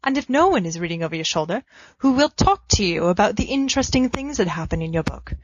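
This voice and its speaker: A woman's voice: medium pitch, very animated, fast, no echo. A woman reading a fan fiction letter aloud with a playful, cheeky, mock-pompous delivery. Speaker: podfic reader. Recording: dull lo-fi dry home recording.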